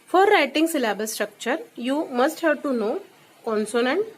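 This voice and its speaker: A woman's voice: high-pitched, expressive, slight background noise, poor audio. A woman teacher giving a classroom lesson, explaining step by step and checking in with repeated "okay?"; she speeds up when she switches into Hindi. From India. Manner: slow and deliberate in English, much quicker when switching to Hindi.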